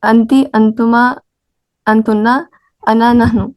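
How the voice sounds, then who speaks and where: A woman student reciting a memorized list in class, slowly and haltingly. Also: a little high, fairly even intonation, darkish tone, no room sound.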